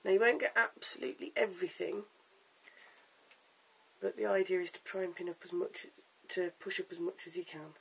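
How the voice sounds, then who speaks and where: A vlogger who has lost her voice gives a casual at-home wig tutorial, sounding hoarse and croaky. Her mid-range voice is steady and a little fast, chatty and stop-start with fillers and self-corrections. It's filmed on the camera's own mic, so the quality is low.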